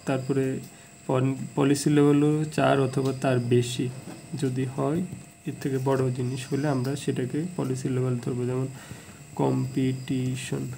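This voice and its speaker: A man teaching English in a casual video lesson, plainly repeating example words slowly. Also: medium pitch, gravelly, warm tone, slight background noise, poor audio.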